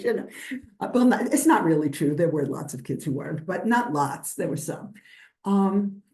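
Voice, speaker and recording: An older woman from New York, a historian, takes questions at a lecture in a loose, conversational way, with frequent restarts and fillers as she rambles. Her voice is mid-range with a dark tone.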